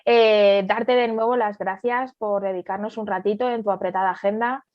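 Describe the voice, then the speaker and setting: Muffled lo-fi call, woman, Spain accent, chatty interviewer, medium pitch, dry sound. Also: fairly even intonation, normal speed, no echo. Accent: Spanish from Spain.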